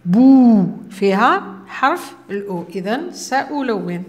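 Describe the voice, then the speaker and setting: Algerian woman teaching French slowly. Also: on the high side, big pitch swings. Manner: slow, careful French pronunciation with repeated words. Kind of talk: explaining a French workbook lesson for children.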